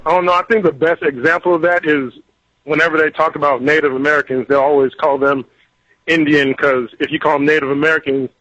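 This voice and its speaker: A man as co-host in a casual radio discussion, talking haltingly with many fillers. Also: a little high, fairly bright tone, dry recording. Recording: dull lo-fi radio audio.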